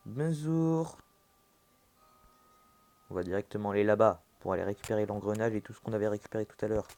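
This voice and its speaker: A man commentates a horror game in a casual, jumpy streamer manner. His voice is fairly low and soft-edged, with a relaxed, mellow tone. Faint music plays behind him. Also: racing. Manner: talks to the game's objects and characters.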